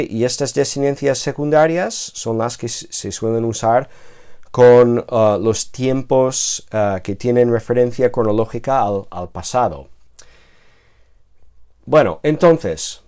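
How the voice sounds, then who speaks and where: Slow, low-toned lecturer. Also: male voice, mellow. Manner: slow, hesitant explaining with many fillers and restarts; checks in often with the listener. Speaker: Greek teacher. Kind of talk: recorded classroom lecture.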